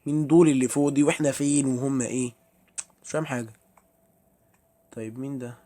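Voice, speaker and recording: A young gameplay streamer with an Egyptian Arabic accent chats to his viewers while playing a horror game, jumping easily at scares. His mid-range voice is warm and steady, and he talks quickly.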